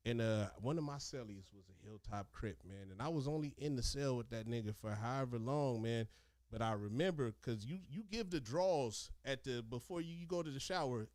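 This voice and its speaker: A man telling stories casually in animated, profane street slang, talking like a streetwise former inmate. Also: mid-range voice, fairly quick, dry recording, studio quality. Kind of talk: casual storytelling chat.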